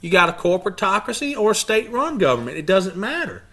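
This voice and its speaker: A man with a high, sing-song, sharp voice talks fast as he hosts a YouTube channel and leads a study group in a lecture-style talk. He speaks emphatically, keeps throwing rhetorical questions at his listeners, and often restarts his words.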